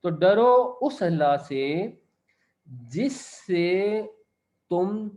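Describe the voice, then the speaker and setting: A man's voice: high-pitched, lively intonation, very slow, darkish tone. A man giving a Quran commentary lesson, reciting verses and then explaining their grammar step by step. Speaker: Quran teacher.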